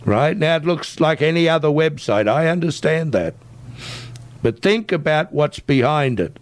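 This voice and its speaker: Speaking at a normal speed with lively intonation, this Australian-accented man has a voice on the high side. He's a tech entrepreneur being interviewed, and he argues his points insistently and with emphasis, frequently adding "right?".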